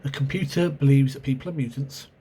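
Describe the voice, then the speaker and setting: With a husky, warm, mid-range voice and a steady tone, this man talks fast as he hosts his own role-playing game review channel. Suffering a cold and sore throat, he recalls an old game in a rambling, hesitant way, dotted with ums and self-corrections, in a casual video recorded at home on a camera mic.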